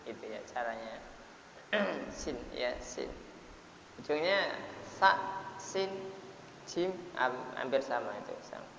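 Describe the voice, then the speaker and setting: A man teaching Quran recitation rules, explaining in short broken phrases and drawing words out slowly to demonstrate, often clearing his throat. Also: medium pitch, animated, a bit bright. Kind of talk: tajwid lesson, explaining and modeling recitation. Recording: echoey, hissy, dull lo-fi room recording.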